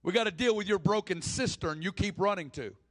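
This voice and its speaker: A man preaches with fervor, his voice sitting high for a man. He acts out the people in the story as he tells it, swinging between speeches and quick asides. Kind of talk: sermon.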